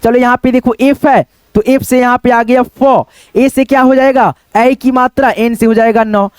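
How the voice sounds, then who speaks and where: A man's voice: very high voice, fairly even intonation, normal speed, smooth, dry recording. A male teacher giving a spelling and pronunciation lesson at a digital board, often calling viewers his friends and asking and answering his own questions. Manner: calls viewers friends often, repeats each word, asks and answers himself. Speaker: English teacher. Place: classroom-style video at a digital board.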